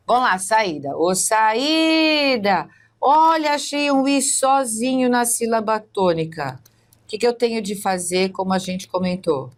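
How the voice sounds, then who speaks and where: A woman with a Brazilian Portuguese accent giving an online exam-prep lesson, explaining step by step and often checking in with the viewer. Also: lowish voice. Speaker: teacher.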